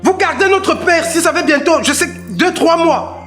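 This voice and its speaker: Man as a demanding grown son, lively swooping pitch, faint music. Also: normal speed. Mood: impatient. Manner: pushy, complaining, rising in pitch when upset. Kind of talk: comedy skit acting.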